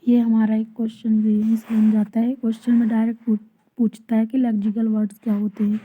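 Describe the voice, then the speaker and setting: A woman teaches an exam-prep lesson, poses questions and answers them herself, and reads English definitions out word by word. Her voice sits a bit high and stays flat in tone. The sound is thin and tinny, like a phone line. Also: brisk, slightly rough. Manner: explains by asking and answering her own questions.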